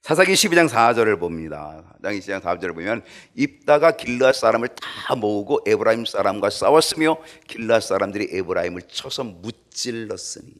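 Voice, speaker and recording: A man preaching a sermon as pastor in a church, animated and acting out quoted voices. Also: lowish voice, fairly quick, hardly any pauses.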